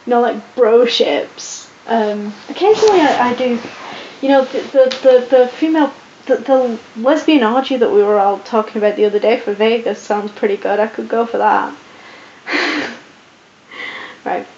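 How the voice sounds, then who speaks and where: Answering viewer questions in a chatty, rambling Q&A, this young vlogger sounds croaky and short on sleep, affecting a posh British accent full of ums and restarts. Her slightly high, darkish voice moves at a moderate pace, recorded in an echoey room with dull lo-fi sound and faint hiss.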